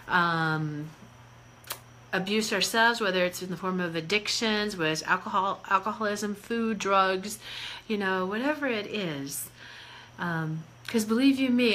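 A woman life coach giving a casual live-stream talk, expressive and playful, swinging between soft asides and loud bursts. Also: medium pitch, a little hiss or hum. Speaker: life coach and energy healer.

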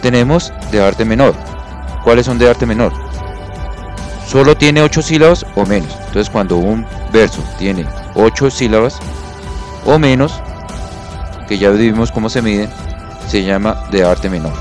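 A man's voice: on the low side, unhurried, long pauses, a little mellow, soft background music. Patient man teaching a lesson. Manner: patient, counts syllables aloud, checks understanding. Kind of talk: explanatory classroom lesson.

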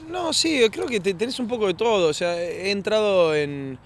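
A man's voice: high-pitched, lively intonation, normal speed, a little hiss or hum. A man with an Argentine accent answering interview questions in an earnest, reflective way, often restarting and asking "you know?". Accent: Argentine Spanish. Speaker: actor being interviewed.

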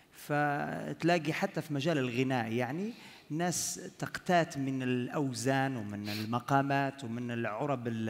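A young man from Morocco, a panel guest who speaks hesitantly with many fillers. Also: mid-range voice. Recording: long hall reverb.

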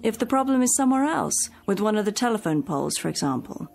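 A very animated actress with a medium-pitched, creaky, darkish voice talks fast in a radio drama, soft music underneath. She plays a sensible companion patiently coaxing and reasoning to settle her elderly employer.

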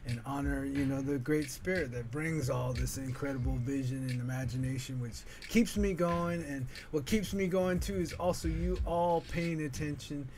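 A man's voice: medium pitch, moderate pace, hardly any pauses, darkish tone, slight background noise. A middle-aged man from Northern California hosting his art channel, talking casually and earnestly with many fillers while he draws at a home desk. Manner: rambling, filler-heavy, earnest. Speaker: artist and channel host. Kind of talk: casual monologue while drawing.

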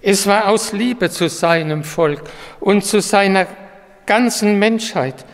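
A man preaching a short devotional sermon in a slow, solemn manner. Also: high-pitched. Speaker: pastor. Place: church. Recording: long church reverb.

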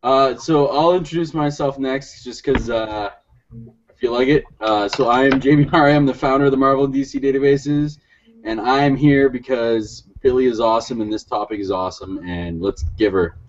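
A man's voice: mid-range voice, moderate pace. A man talking as a guest in a casual chat, hesitant and full of filler sounds. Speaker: guest, wiki founder. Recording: distant, dull, faint hiss.

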